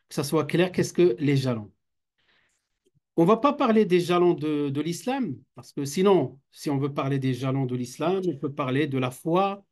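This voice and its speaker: A teacher at an Islamic institute is giving a classroom lecture to his students. His voice is a bit high for a man, with a darkish tone, and his first language is Arabic. He speaks French hesitantly, full of fillers and restarted sentences, slipping Arabic phrases in along the way.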